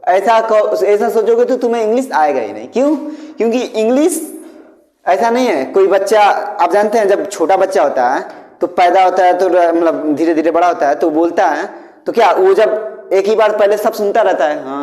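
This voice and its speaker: A man's voice: high voice, a little mellow. A man from India teaching spoken English in a casual lesson, explaining with homely examples and checking in often with the class. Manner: explains with homely examples and repeated "theek hai". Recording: echoey room with long reverb.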